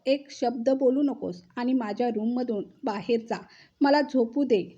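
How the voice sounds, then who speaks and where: A woman's voice: a little high, measured pace, dark tone, husky, dull audio. A woman voicing an irritable older mother-in-law who scolds and complains, in a storybook reading. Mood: irritated.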